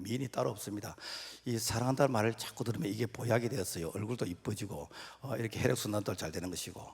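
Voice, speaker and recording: Husky pastor preaching, folksy stories, shouts now and then, big echoey church. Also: male voice, medium pitch. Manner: folksy storytelling with acted-out dialogue and sudden shouts. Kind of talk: sermon. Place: church sanctuary. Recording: long hall reverb.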